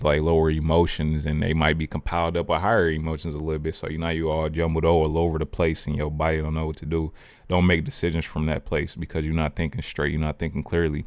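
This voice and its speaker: A man's voice: rumbling low, smooth, no room sound. A man hosting a casual spiritual talk vlog, rambling, slangy and often cutting himself off to go on side tracks. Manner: rambling, digressive, self-interrupting; slangy and conversational. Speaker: spiritual video host.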